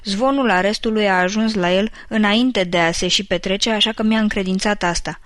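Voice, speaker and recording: A woman voicing a husky whispering beaver. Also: mid-range voice, fairly even intonation, no room sound, studio quality, natural voice. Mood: hushed urgent. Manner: hushed and urgent. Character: wary whispering male beaver. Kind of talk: audiobook character reading.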